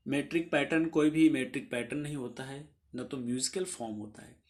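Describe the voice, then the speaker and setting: A man teaching a literature lesson for exam preparation, reading English definitions slowly and then explaining them, now and then clearing his throat and correcting himself. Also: a little high, darkish tone.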